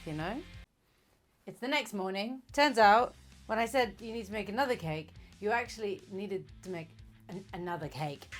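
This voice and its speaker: A tipsy, giggly, rambling woman chatting casually as host of a comic baking vlog, sweary, self-mocking and playfully crude. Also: mid-range voice. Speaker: host of a comedic baking video.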